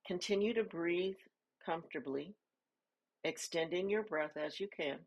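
A woman leading a guided body scan meditation, giving soft, calm instructions with pauses between phrases. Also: lowish voice, rough recording.

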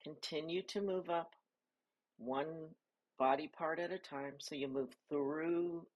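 A woman leading a guided body scan meditation, giving soft, calm instructions with pauses between phrases. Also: deep voice, muffled recording.

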